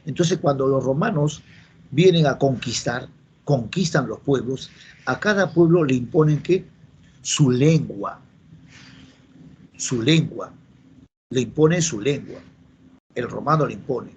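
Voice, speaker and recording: A male teacher lectures a class at a middle pitch, often firing off a question and answering it himself. The recording is dull and lo-fi, with a faint hiss underneath. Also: expressive, unhurried, pauses often, a little mellow. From Peru. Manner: repetitive, asks and answers his own questions.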